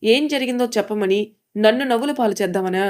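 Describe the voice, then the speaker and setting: A woman's voice: fairly high pitch, fast, a little mellow, natural voice. A woman voicing a wounded young married woman who speaks plaintively. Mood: hurt.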